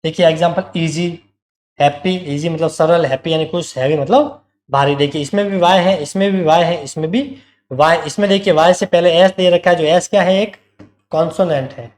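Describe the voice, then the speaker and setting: A man's voice: on the high side, normal speed, a little mellow, echoey room. A male teacher giving an online exam-prep grammar lesson, explaining step by step, repeating key words and asking the class questions.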